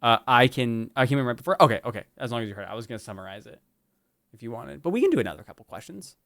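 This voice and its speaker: A man's voice: medium pitch, animated, very fast, vocal fry, a bit bright, dry recording. Man, host, casual live-stream banter, joking, dry close mic. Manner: chatty, joking, swears casually.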